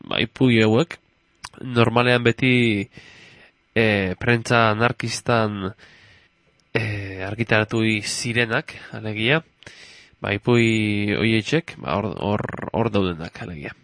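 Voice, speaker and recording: A man introducing a story he is about to read, speaking haltingly with many fillers. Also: on the low side, steady tone, fairly bright tone, no room sound. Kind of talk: hesitant spoken introduction.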